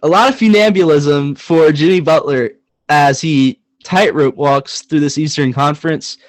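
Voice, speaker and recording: A young man co-hosting a casual sports podcast, talking in an animated, joking way and hammering points with repetition. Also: a little high, unhurried, no room sound. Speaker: podcast co-host.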